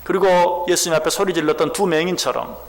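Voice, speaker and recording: A pastor preaching a sermon in a church, acting out the cries of people in the scripture and putting questions to the congregation. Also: male voice, sits high, steady tone, quick pace. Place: church sanctuary.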